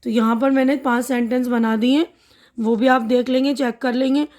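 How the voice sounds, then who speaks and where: A woman's voice: high-pitched, steady tone, a little mellow. A woman teacher patiently going through a textbook chapter, repeating and explaining each term and mixing in English words.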